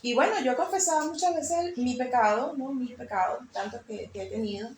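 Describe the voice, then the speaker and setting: A woman's voice: a little high, normal speed, a little hiss or hum. A woman sharing an emotional personal faith testimony, telling her story with many fillers. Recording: echoey room with faint ambience.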